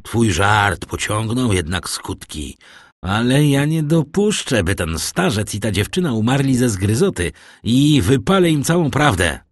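A man's voice: deep voice, slow pace, fairly bright tone, husky, no room sound, clean studio sound, full character voice. A man voicing Caderousse, an agitated indignant man. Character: frightened, conscience-torn male tailor. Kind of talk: audiobook character reading.

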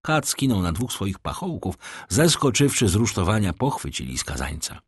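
Husky, lively male storyteller. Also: lowish voice, normal speed. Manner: expressive, dramatic storytelling. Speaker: audiobook narrator. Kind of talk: scripted narration of a classic novel.

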